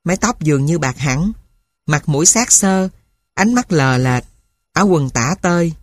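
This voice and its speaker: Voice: mid-range voice, expressive, moderate pace. A narrator reading a sad wartime story aloud in a somber, emotional way. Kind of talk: dramatic audiobook narration.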